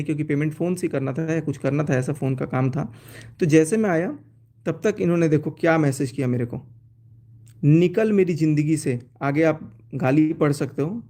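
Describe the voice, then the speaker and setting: Man, live-stream storyteller, aggrieved; pitched a bit high, mellow tone. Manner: aggrieved, reads out chat messages. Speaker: YouTuber showing chats on a live stream. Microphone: phone.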